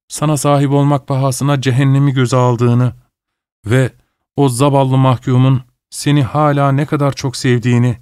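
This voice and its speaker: A man reading a story aloud, voicing a fearful, remorseful young husband in a lowered, grave and subdued tone. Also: a little mellow, clear, resonant tone, dry recording, clean studio sound, lightly acted. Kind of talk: audiobook character voice.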